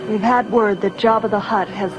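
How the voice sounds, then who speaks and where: An actress playing a composed, commanding rebel princess who leads a mission. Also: female voice, mid-range voice, fairly even intonation, moderate pace, natural voice, poor audio. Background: music.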